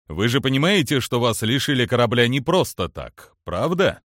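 A man's voice: medium pitch, sing-song, moderate pace, a bit bright, dry recording. A man reading the lines of a seasoned alien male general in an audiobook, dry and guarded in tone. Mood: wry, guarded.

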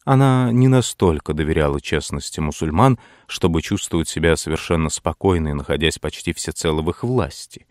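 A man narrating a historical novel in a measured, unhurried storytelling manner. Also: a bass voice, no echo, studio quality. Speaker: audiobook narrator. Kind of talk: scripted literary narration.

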